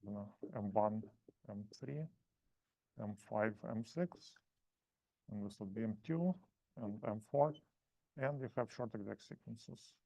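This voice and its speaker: A man giving a math seminar lecture, explaining in halting, self-correcting phrases. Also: fairly low pitch, vocal fry, darkish tone, dry recording.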